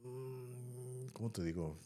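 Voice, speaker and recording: A man's voice: medium pitch, slow pace, dark tone. A man with a Mexican accent telling a story in casual podcast chat, rambling and tagging his sentences with "¿no?". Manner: rambling, tags sentences with "¿no?" and "así". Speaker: podcast host.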